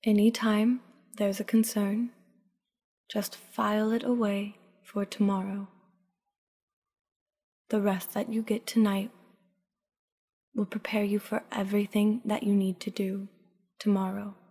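A woman narrating a guided sleep meditation like a sleep story, calm, unhurried and soft-spoken, with breathy phrase endings. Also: mid-range voice. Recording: long reverberant tail on voice.

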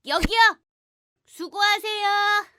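A grumbling little cartoon boy with a very high, bright voice. He is cheeky and impatient, whining and exclaiming about his errands. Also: slow pace, a little hiss or hum, heavily acted. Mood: polite. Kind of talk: animated cartoon acting.

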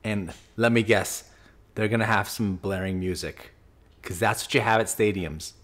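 A man in his forties hosting an opinionated commentary vlog from a small home office, talking close into a boom mic in a sarcastic, argumentative way. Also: moderate pace, fairly bright tone. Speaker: host. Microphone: studio mic on boom, close.

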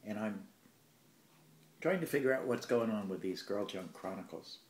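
A man's voice: fairly low pitch, expressive, moderate pace, darkish tone, slight background noise. A man vlogging casually, rambling with joking asides and talking while he eats. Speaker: vlogger and storytelling show host. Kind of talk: casual vlog. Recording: echoey room.

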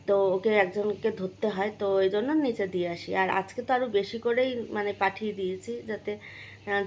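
A woman's voice: medium pitch, slight background noise, low-quality recording. Chatty young woman vlogging. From West Bengal, India. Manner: chatty, many fillers and restarts. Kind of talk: casual chat to viewers.

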